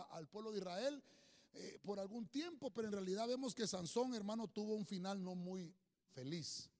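Male preacher, higher voice, keeps saying brother, joking asides, long hall reverb. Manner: calls listeners "brother" nearly every sentence; jokey asides, repeats words while thinking. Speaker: preacher teaching a Bible study. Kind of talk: sermon-style Bible teaching at a whiteboard.

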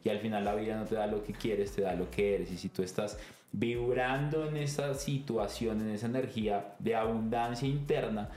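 Podcast host: a deep-voiced man in an echoey room, animated storyteller who slips into dialogue as he talks. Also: normal speed, a little hiss or hum. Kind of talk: conversational podcast talk.

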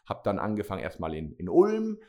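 A man's voice: low-pitched, huge pitch swings, fairly quick, mellow. A middle-aged man from Spain, a company CEO, answering interview questions with many fillers and restarts. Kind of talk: interview conversation.

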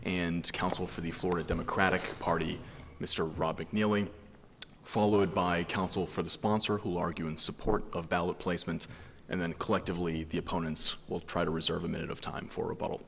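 A man with a low voice presents a formal legal argument as an attorney. He explains carefully and addresses the bench with deference. The room is reverberant, with faint noise behind him. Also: flat delivery, fairly quick, vocal fry. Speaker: attorney arguing before a court.

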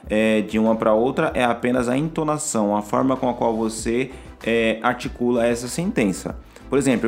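A man's voice: mid-range voice, a little mellow. A man, an English teacher patiently explaining grammar on a podcast, often restarting his sentences.

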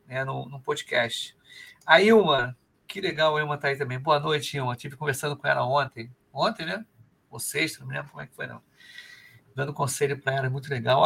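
Speaking in a mid-range, slightly rough voice with vocal fry and some brightness, a Brazilian Portuguese-accented man hosts a loose live podcast. He wanders from topic to topic and reads listener chat aloud.

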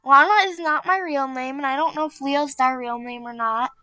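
A high, bright-voiced woman hosts a casual podcast and reads a spooky story aloud. She is chatty and excitable and keeps breaking into giggles. Her voice sounds dry and close. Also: normal speed, no room sound. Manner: giggly, often breaks into laughter. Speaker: podcast host.

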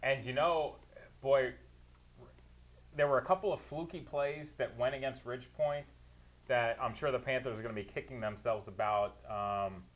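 A man recaps football games play by play on a sports talk show. He is detailed and opinionated and laughs easily. His voice sits at an ordinary mid-range pitch. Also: normal speed. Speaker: producer and sports analyst.

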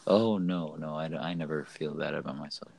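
A man's voice: rumbling low, steady tone, normal speed, gravelly, darkish tone, a little hiss or hum. A young man chatting casually with friends as a podcast co-host, teasing and interrupting them. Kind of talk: casual chat among friends.

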